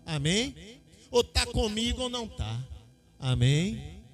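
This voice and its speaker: Man, Brazilian accent, middle-aged, pastor, sermon, animated storytelling, fairly high pitch, faint music. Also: slow. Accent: Brazilian Portuguese. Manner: animated storytelling, acting out dialogue. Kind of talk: sermon with personal testimony.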